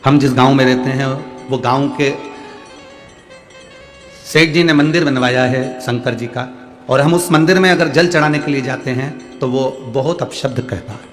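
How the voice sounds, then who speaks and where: A man's voice: mid-range voice, moderate pace, fairly bright tone, faint music behind. A male preacher from central India gives a devotional sermon to a live crowd on a stage mic. He answers listeners' letters with homely examples and urges the crowd to call back. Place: large outdoor stadium gathering.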